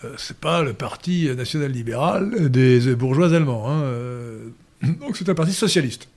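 A man holds forth in a political talk, pausing often to search for words before pressing his points with emphasis. His voice sits at an ordinary middle pitch. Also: animated, a little mellow. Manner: lecturing, many hesitations, emphatic. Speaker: guest commentator. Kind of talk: political discussion.

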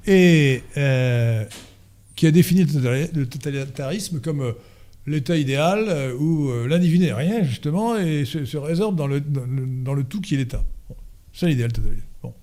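A man lecturing at a conference, his voice sitting a little high yet mellow and soft-edged. He stalls on fillers and repeats words while hunting for phrasing. Then he presses his points with emphatic, insistent stress. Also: animated, normal speed. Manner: hesitant, many fillers and restarts, emphatic lecturing. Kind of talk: lecture and audience Q&A.

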